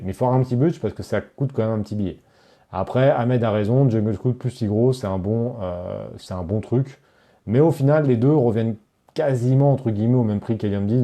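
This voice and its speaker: Guy doing a casual live q&a for his followers, super mellow dark voice, lots of euh and bah. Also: lowish voice. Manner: loose and chatty, many fillers and restarts; talks straight to viewers, reads out chat questions. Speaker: online course creator hosting a live Q&A. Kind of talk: casual live-stream chat.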